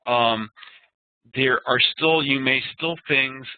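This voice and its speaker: A man's voice: medium pitch, slow, smooth, no echo. A man teaching a Sanskrit class over a web meeting, patiently explaining pronunciation and chanting verses. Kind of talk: online class lecture. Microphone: web conferencing call. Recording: tinny phone-like web meeting audio.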